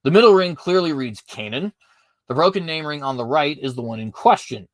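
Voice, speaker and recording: A podcast host reads prepared apologetics commentary from his notes, with frequent fillers and self-corrections. His voice is on the high side and expressive, he speaks fairly quickly, and there's no room sound.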